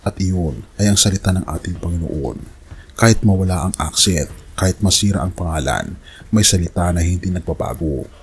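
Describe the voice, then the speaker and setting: A man's voice: sits low, moderate pace, slight background noise. A man giving scripted narration of news with preaching, earnestly addressing the listener as a friend. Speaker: religious news commentary narrator.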